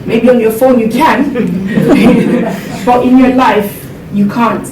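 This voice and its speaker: Slowly and with fairly even intonation, a Jamaican woman gives an earnest motivational seminar talk, joining in the audience's laughter. The hall is echoey, the mic is far off, and there's a rumble in the background.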